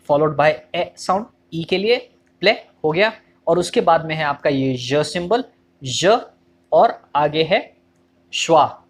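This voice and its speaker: A man with a somewhat higher voice gives a pronunciation lesson. He walks through each sound step by step, demonstrating it slowly. English terms slip into his explanations throughout. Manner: mixes English terms into Hindi speech. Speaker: pronunciation teacher. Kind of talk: instructional explanation.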